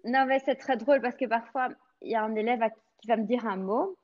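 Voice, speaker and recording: A woman who teaches French, talking casually on a podcast, with a strong foreign accent. She laughs often and talks in a lively way. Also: fairly high pitch, fairly quick, lo-fi sound. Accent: strong non-native French accent.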